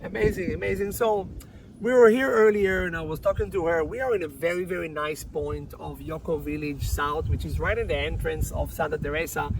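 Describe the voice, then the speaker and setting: Podcast host, man, high gravelly voice, repeats words as he searches for phrasing, outdoors. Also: brisk, slight background noise, rough recording. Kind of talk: casual outdoor interview. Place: outdoors on a property.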